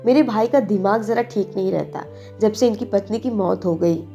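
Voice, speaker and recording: A woman doing a brisk young woman. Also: medium pitch, mellow, soft background music, close to an everyday voice. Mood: apologetic. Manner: brisk, commanding. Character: slim young Anglo-Indian woman of twenty-three, brisk and sharp.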